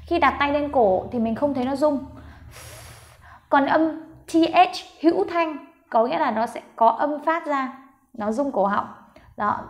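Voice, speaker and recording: Woman, high voice, patient pronunciation teacher, slow step-by-step sound drills. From Vietnam. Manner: patient, spells sounds slowly, models words.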